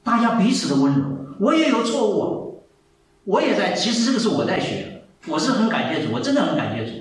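A man in his seventies preaching a sermon, telling stories with lively, repeated phrases. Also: sits high, fast. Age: 70s. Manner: animated storytelling, repeats phrases. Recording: echoey hall, mic far off, faint ambience.

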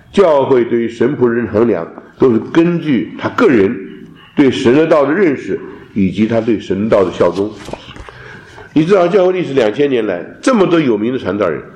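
Man, theology class lecture, mellow low voice, roomy classroom echo. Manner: animated lecturing, mixes in English terms. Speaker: theology teacher.

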